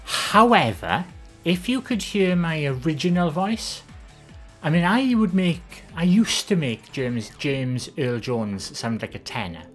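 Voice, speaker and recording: Over soft background music, a woman from the Welsh Valleys answers viewer questions on a live stream, very animated yet unhurried. Her soft, gentle voice is low, husky and less feminine, and she rambles chattily with frequent ums and restarts.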